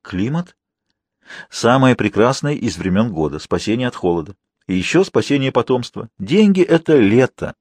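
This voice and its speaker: A man voicing a calm, philosophical merchant who muses with gentle irony, in an audiobook. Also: mid-range voice, moderate pace, slightly rough, dry recording, clean studio sound. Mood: musing. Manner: musing, gently ironic. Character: calm, philosophical middle-aged male merchant.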